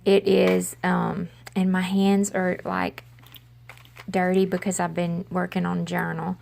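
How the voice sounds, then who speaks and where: A woman with a Southern country accent, showing items in a casual haul video, talking slowly with many pauses and ums. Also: fairly low pitch, monotone, vocal fry, a little mellow. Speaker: vlogger.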